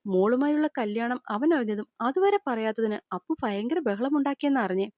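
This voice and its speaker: A woman voicing an older man, a gentle worried father figure, softly consoling and explaining in an audio storybook. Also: on the high side, lively intonation, fairly quick, no echo, close to an everyday voice. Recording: slightly dull lo-fi recording.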